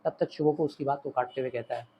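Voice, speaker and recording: Fast-talking and husky, with a warm mid-range voice and fairly even intonation, a man with an Indian English accent walks through a play line by line. He switches between Hindi and English in this literature lesson, captured on poor audio.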